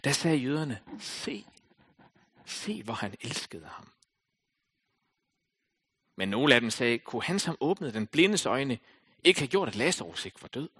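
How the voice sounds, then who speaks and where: A male pastor preaching a sermon, reading scripture aloud and then talking it through, rising to loud calls and sinking to soft, near-whispered lines. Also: medium pitch, expressive, pauses often, husky.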